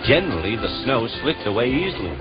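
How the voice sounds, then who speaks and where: A man narrates a children's story in a gentle, measured way, his mid-pitched voice rising and falling with lively expression. The recording is dull and lo-fi, with music running underneath.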